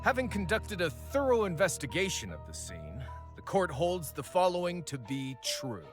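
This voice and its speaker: An actor voicing a formal, accusing court magistrate in a video game, with declamatory delivery. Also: male voice, on the high side, wildly swooping pitch, moderate pace, music in the background.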